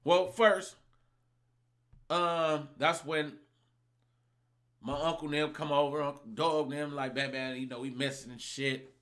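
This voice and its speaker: A man telling a personal story in a casual, profane and animated way, acting out other people's lines. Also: a little high, unhurried, long pauses. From Los Angeles.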